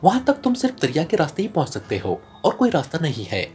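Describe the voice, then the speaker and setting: In an audiobook, a narrator voices a ruthless male criminal boss turned informant who gives long, earnest explanations. The delivery is fast and explanatory, with a medium, somewhat dark voice whose pitch swoops wildly, and faint music plays behind it.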